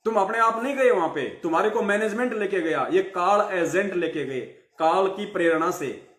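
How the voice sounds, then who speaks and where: A man with a light tinge to his preaches fiercely, berating his listeners and repeating phrases for emphasis. His voice sits high for a man. The recording has a roomy echo around it. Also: normal speed, fairly bright tone. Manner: scolding, rhetorical questions, repeated emphatic phrases. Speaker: devotional live speaker. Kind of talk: fiery devotional sermon.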